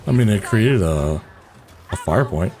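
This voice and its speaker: A man's voice: lowish voice, lively intonation, a little slow, dark tone, slight background noise. A man chatting while playing a co-op game, teasing with dry wit. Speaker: co-op game partner. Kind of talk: casual chat while gaming.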